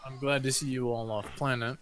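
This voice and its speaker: A man voicing a gruff, scarred mercenary in a tabletop game, speaking quietly and offhand. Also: mid-range voice, level tone, brisk, natural voice. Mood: curt.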